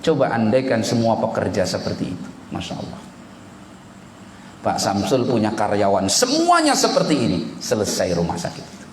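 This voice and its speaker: A man's voice: lowish voice, moderate pace. A man teaching a religious lesson through a story, asking rhetorical questions and checking in with his listeners. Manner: animated, rhetorical questions with answering cues. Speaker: Islamic teacher. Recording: echoey room with faint noise.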